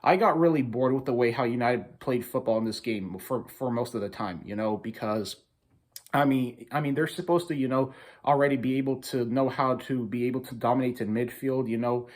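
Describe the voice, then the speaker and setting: A man's voice: mid-range voice, a little fast. A man hosting a casual football recap video, complaining emphatically and informally as he repeats his points. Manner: informal, repetitive, emphatic complaining with mild swearing. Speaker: football fan video host. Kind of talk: casual opinionated match recap.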